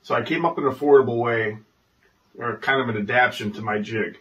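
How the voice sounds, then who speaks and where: A man's voice: mid-range voice, quick pace, fairly bright tone. A man hosting his own carving channel, opening a vlog with dry, sarcastic humor and a chatty, filler-heavy way of talking. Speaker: chainsaw carver, channel host. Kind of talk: casual vlog intro. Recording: distant, dull sound.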